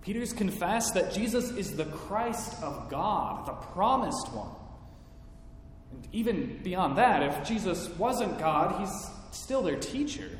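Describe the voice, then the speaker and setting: Slow-preaching man in an echoey hall. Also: high-pitched, sing-song. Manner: slow, emphatic preaching with dramatic voiced quotes. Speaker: pastor. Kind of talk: sermon. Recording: echoey hall with faint background noise.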